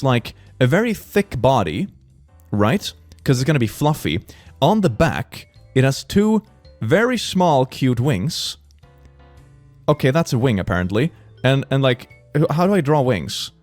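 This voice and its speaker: Lively playful man with Swedish accent. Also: mid-range voice, no room sound. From Sweden. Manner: playful, sarcastic, rambling with sudden bursts of excitement. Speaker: streamer. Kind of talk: mock classroom lecture, casual streaming chat.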